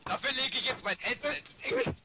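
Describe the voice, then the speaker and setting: A man's voice: very high-pitched, wildly swooping pitch, normal speed, very noisy. A man bantering while playing a video game. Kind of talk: gaming banter. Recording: loud music over voice.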